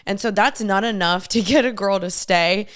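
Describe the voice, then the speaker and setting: A woman's voice: mid-range voice, normal speed, fairly bright tone. A young American woman chatting casually as a co-host, giving confident, blunt and emphatic dating advice.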